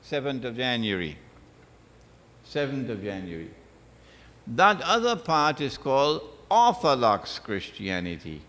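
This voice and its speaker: A man's voice: medium pitch, big pitch swings, a little slow, fairly bright tone. A man giving a religious lecture, emphatic and repeating his phrases. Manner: emphatic, repeats phrases, recites Arabic verses. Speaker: Islamic lecturer. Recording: long hall reverb.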